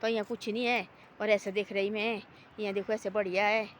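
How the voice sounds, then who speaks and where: A woman talking casually outdoors in a forest, homely and repetitive, gently moralizing. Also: medium pitch, level tone, fairly quick, slight background noise. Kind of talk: casual rambling talk.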